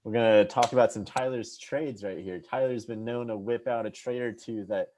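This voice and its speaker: A man's voice: medium pitch, steady tone, moderate pace, darkish tone, a little hiss or hum. A young man hosting a casual sports podcast, rambling with lots of fillers and restarts. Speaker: podcast host.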